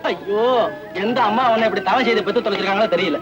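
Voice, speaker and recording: A man's voice: high voice, fast talker, lightly acted. A man playing a flustered, sarcastic bachelor. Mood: exasperated. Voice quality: comic exasperated grumbling, mutters "karmam". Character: flustered unmarried young man, exasperated and sarcastic. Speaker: bachelor pestered by a lost boy. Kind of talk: 1960s film comedy acting. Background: film score music.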